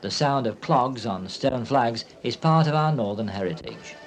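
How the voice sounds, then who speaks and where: A man reading scripted documentary narration in a measured, informative way. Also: medium pitch, lively intonation. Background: music.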